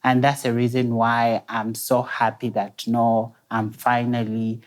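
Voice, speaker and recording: A young man, a guest telling his personal story softly and hesitantly at a dinner table, with many pauses. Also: medium pitch, completely flat delivery. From Zambia. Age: 20s. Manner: soft-spoken, hesitant, many pauses and restarts. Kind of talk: personal story in a talk show. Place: indoor dining room set at a table.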